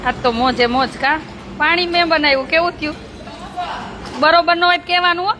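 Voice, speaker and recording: A woman who runs a charity for slum children chats casually among a group of kids, teasing, coaxing and scolding them in a playful but bossy way. Her voice is very high-pitched and brisk. The outdoor setting is noisy and crowded.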